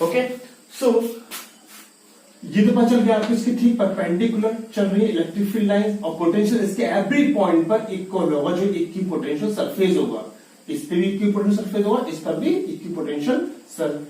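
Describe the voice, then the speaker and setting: A man's voice: sits high, warm tone. Echoey male physics teacher, asking aloud. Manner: asks questions then answers them himself; repeats key terms, mixes English into speech. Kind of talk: classroom lecture. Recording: echoey room, voice from far off.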